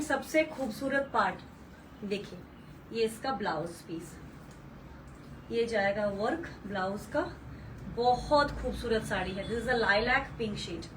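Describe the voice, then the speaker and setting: A woman's voice: high-pitched, a bit bright, recorded from a distance, a little hiss or hum, poor audio. A woman hosting a live saree sale, gushing and repeating color names, mixing English words into Hindi. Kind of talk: live-stream sales pitch.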